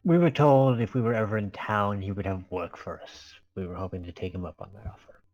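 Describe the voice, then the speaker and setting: A man with a slightly low voice plays a tabletop game, talking casually in and out of character. The microphone sounds dull and lo-fi. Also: brisk, darkish tone. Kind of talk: casual role-play chat.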